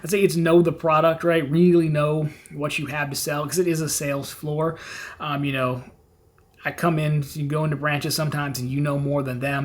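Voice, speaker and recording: Host, male, slightly high voice; casual filler-heavy Q&A delivery. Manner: conversational, many fillers, acts out quoted customers. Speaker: finance channel host answering viewer questions. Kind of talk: casual Q&A advice.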